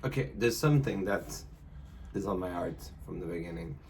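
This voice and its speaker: Twenties guy, lowish voice, playful, searches for English words. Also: lively intonation, a little mellow, slight background noise. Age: 20s. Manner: playful, halting non-native English. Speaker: guest partner. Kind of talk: casual couple chat.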